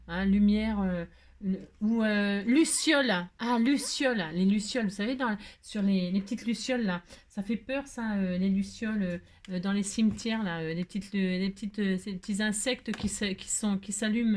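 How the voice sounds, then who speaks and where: A woman's voice: medium pitch, darkish tone. A French woman hosting a casual craft tutorial, talking hesitantly with lots of fillers and laughing at herself. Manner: chatty, hesitant, fills with "euh" and "hein". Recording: faint background noise and clicks.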